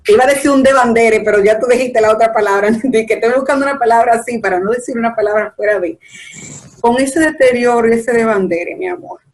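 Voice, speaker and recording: Guest: woman, earnest, mid-pitched, sermon-like talk on faith. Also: fast talker. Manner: preachy, earnest, acts out quoted complaints.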